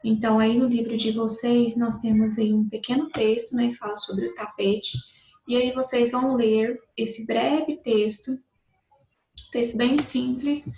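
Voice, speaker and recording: A woman's voice: a little high, roomy sound, slight background noise, low-quality recording. A woman teacher with a Brazilian Portuguese accent giving a recorded class to children, patient and explaining step by step, often rephrasing. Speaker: schoolteacher.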